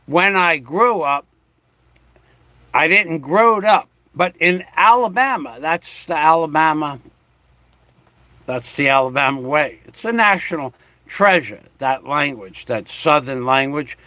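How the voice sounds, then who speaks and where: A man from the New York and New Jersey area rambles through a casual livestream, drawling along at an unhurried crawl and spelling out words letter by letter. His voice sits a little higher than most men's, and it comes across close and dry, with no room sound around it. He keeps talking while he fiddles with his camera setup. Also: lively intonation, pushed and bright, no echo, highs cut off. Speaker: livestream host.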